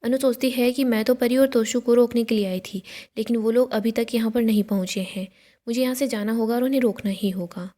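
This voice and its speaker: A woman narrating a TV serial recap in a steady storytelling manner. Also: fairly high pitch, a little fast. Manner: steady storytelling, even reading.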